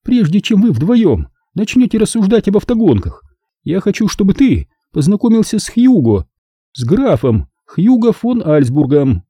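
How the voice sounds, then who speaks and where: Brief: man reading as a flamboyant hostess, bossy and effusive, pitched up, dark husky tone. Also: big pitch swings, normal speed, no room sound, studio quality, exaggerated voice. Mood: imperious. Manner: loud, gushing, imperious. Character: glamorous flirtatious woman, thrice-married socialite hostess.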